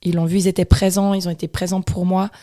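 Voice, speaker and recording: Lively Swiss French woman telling stories. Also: on the low side, fast. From Switzerland. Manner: animated storytelling with many restarts. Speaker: guest dancer. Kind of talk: casual interview chat.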